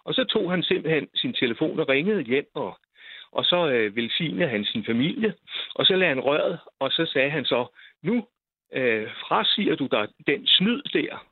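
A man's voice: fairly high pitch, lively intonation, slightly rough, no echo. An older man telling a personal story in a rambling way, full of hesitations and repeated words. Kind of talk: casual storytelling. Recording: tinny phone line.

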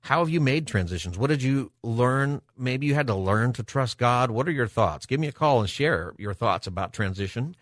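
A man's voice: medium pitch, animated, moderate pace, few pauses, no echo, clean studio sound. A middle-aged man hosting a live radio talk show in a conversational way, with a showman-like announcer manner.

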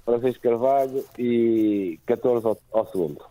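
Slow, very dark-voiced Portuguese man. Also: mid-range voice, poor audio. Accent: European Portuguese. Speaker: contest juror. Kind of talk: casual, halting remarks.

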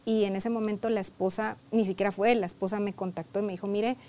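A woman therapist recounts a case in an easy conversational way. She keeps checking in with "right?" and "I mean" as she goes. She slips into the voices of the people in her sessions. Her voice sits at an ordinary, mid-range pitch. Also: steady tone, fast talker, mellow. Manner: conversational, peppered with "¿verdad?" and "o sea"; re-enacts dialogue from sessions. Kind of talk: storytelling in a conversational interview.

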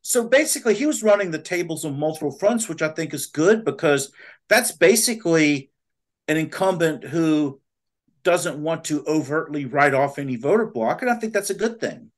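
A man, a political analyst laying out his points one by one in an animated way. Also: on the high side, moderate pace. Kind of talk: analytical commentary.

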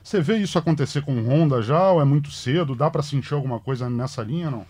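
A man hosts a sports talk, firing off brisk, prompting questions. He speaks quickly with a husky edge. His pitch sits mid-range. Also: darkish tone. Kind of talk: casual sports discussion.

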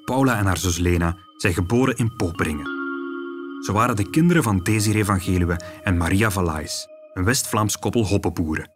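Flemish guy narrating a documentary podcast, low voice, music underneath. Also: a little fast.

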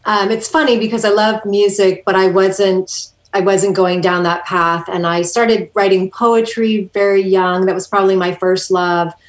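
A woman from Hawaii, a guest on a podcast, answering questions in a soft-spoken way with fillers. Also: on the low side, reverberant. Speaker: guest artist. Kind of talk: conversational interview.

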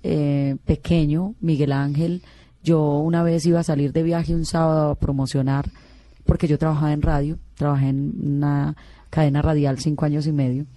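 A woman's voice: sits low, little pitch movement, normal speed, dark tone, no room sound. A middle-aged woman, a singer, telling personal stories earnestly in an interview. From Colombia. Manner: earnest, emotional storytelling with many restarts. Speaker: guest singer.

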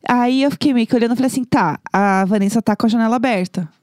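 A woman tells a story on a casual podcast, animated and dramatic. Her voice sits a little high. The sound is dry and close, with no room around it. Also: fast talker, no room sound. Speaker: podcast co-host.

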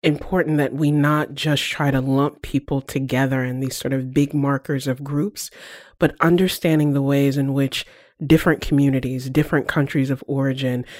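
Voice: medium pitch, steady tone, normal speed, no echo, studio quality. A podcast host asking long, reflective questions that build on the guest's points. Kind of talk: interview questions.

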